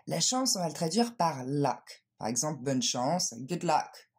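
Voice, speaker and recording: A woman teaching English vocabulary in a scripted lesson, modeling pronunciation slowly and clearly. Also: low voice, sing-song.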